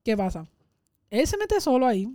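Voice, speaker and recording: A woman's voice: a little high, big pitch swings, normal speed, dark tone, no echo, studio quality. A woman telling workplace anecdotes in casual conversation, now and then slipping English words in. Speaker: podcast co-host. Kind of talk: casual storytelling chat.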